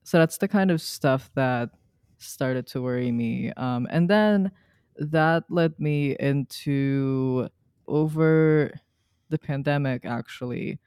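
A young woman from Serbia, a student, talking casually in an interview with many pauses and fillers. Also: very deep voice, a little mellow, smooth, dry recording, studio quality. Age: young adult. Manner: hesitant, many ums and likes. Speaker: guest, student researcher.

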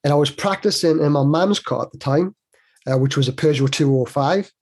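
Guy in his 40s, slightly high husky voice, rambly chatty way of telling a story. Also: a little fast. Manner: chatty, rambling, with many restarts. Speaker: guest. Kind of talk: casual conversational storytelling.

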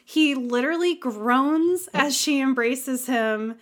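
A woman's voice: high-pitched, takes it slowly. A woman co-hosting a podcast, recapping a TV episode from her notes in a wry, sarcastic way and laughing often. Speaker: podcast co-host.

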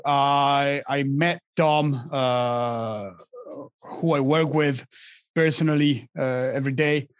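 A young Argentine man, guest on a casual interview over a call, speaks with lots of restarts and fillers. His voice is on the high side, with no room sound.

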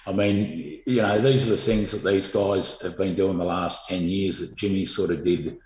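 Telling stories during an interview, a former footballer, a middle-aged Australian, rambles in a relaxed manner, leaning on plenty of fillers. He speaks at a normal speed in a deep voice with fairly even intonation, and the room is echoey.

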